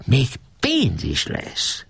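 A man's voice: mid-range voice, wildly swooping pitch, creaky, fairly bright tone, slightly rough, pitched above the performer's own voice, exaggerated voice. A man voicing a scheming teenage boy who talks in a wheedling way.

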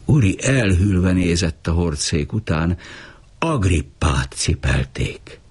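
A man reading a novel aloud as an audiobook narrator, in measured storytelling. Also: low voice, sing-song, darkish tone, husky. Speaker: audiobook reader.

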